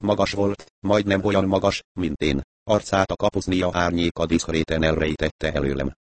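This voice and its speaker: Deep-voiced man narrating an audiobook. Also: steady tone, slight background noise. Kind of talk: first-person audiobook narration.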